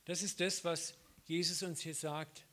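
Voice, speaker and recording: Man, middle-aged, preacher, sermon storytelling, slightly high voice, acts out dialogue. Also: measured pace. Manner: lively storytelling, acts out dialogue, laughs often. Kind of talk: sermon with personal stories.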